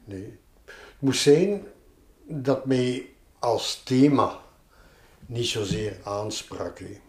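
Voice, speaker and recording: Music plays in a reverberant room as an older art collector with a Flemish accent chats in an interview, storytelling and explaining with recurring little tags. His mid-range voice is darkish, with lively intonation and drawn-out words.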